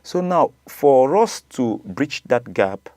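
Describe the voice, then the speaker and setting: A man's voice: mid-range voice, big pitch swings, slow pace, darkish tone, no room sound, studio quality. A man with a Nigerian accent, a coach, arguing his point in a casual debate, repeating words and laughing often. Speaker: coach and show guest.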